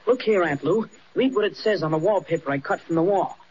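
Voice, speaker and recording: An actor playing an eager, bold young male cub reporter who speaks in excited exclamations, in 1940s radio acting on an old recording. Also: high voice, brisk, natural voice. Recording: dull old radio recording, faint hiss.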